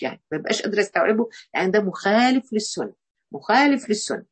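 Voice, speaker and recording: A woman's voice: medium pitch, slightly rough. A middle-aged woman with an Egyptian accent giving a conversational religious lecture to women, often restarting and quoting dialogue. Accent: Egyptian Arabic. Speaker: Quran teacher.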